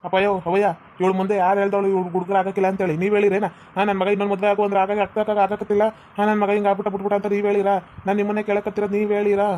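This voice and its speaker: A man with a North Karnataka Kannada accent, voicing a husband in a home cartoon, pleading in a rapid, even way. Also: sits high, a little hiss or hum. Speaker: voices the husband character. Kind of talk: cartoon voice acting.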